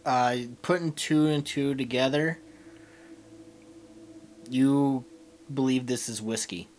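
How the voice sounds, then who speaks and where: A man's voice: medium pitch, fairly even intonation, takes it slowly, darkish tone, slight background noise. A man running a tabletop game as game master, hesitant with many fillers.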